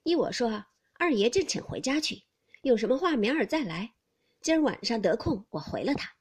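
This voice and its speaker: A woman voicing a quick-witted young maidservant who speaks in a crisp, matter-of-fact way, in a classic novel audiobook. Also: a little high, very animated, heavily acted. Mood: cool.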